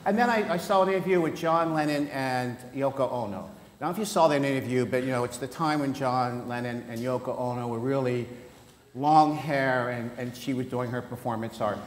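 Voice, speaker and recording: A man speaking on stage at a conference as interviewer, telling jokes and loose stories. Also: mid-range voice. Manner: joking, anecdotal, loose. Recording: echoey hall, noisy.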